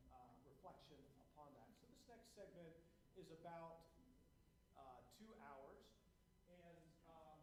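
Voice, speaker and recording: A man moderating a workshop session, introducing the next speaker with many pauses and "uh"s. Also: a little high. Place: conference room. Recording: very roomy, with room noise.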